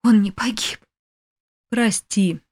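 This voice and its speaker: A sobbing young heroine in an audiobook, crying out in raw grief, as the woman narrator voices her. Her pleas come hoarse and broken, much higher than the narration around them. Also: slow, darkish tone. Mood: broken whisper. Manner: pleading, cries out.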